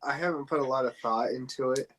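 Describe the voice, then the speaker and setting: A podcast co-host chats informally and a little hesitantly about pop culture, covering games and film casting. His medium-pitched, slightly bright voice is fast. The low-quality recording has slight background noise.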